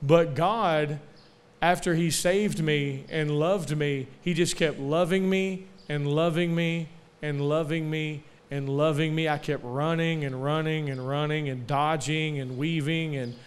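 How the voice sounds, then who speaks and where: Young guy preaching at a camp, slightly high smooth voice, asks for amens, slows down on the big points. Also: steady tone. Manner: call-and-response, asking for amens; slows down to stress key phrases. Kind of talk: sermon. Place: camp meeting.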